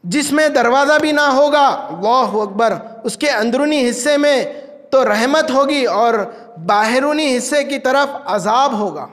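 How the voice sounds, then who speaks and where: A man delivers a Friday sermon in a strikingly high voice that carries a long reverb through a mosque hall. He swings dramatically, surging toward near-shouts and falling low and quiet on exclamations. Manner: dramatic, rising to near-shouts when voicing pleas, dropping low on exclamations. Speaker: Friday preacher.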